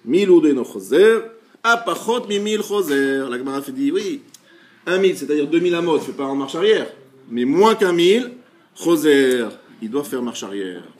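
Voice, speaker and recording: Rabbi guy teaching gemara, kinda high voice, reads the slow then explains it again. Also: animated, a little mellow. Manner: explains step by step, reads Hebrew and Aramaic phrases slowly then translates; often rephrases and repeats. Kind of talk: Talmud class lecture.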